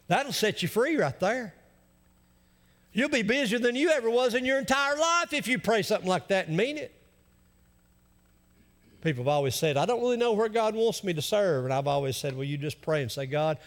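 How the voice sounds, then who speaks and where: A man with an Appalachian accent preaching a conversational sermon in a folksy, emphatic way, acting out what people might say. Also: high voice. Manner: folksy, emphatic, acts out imagined objections. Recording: reverberant hall.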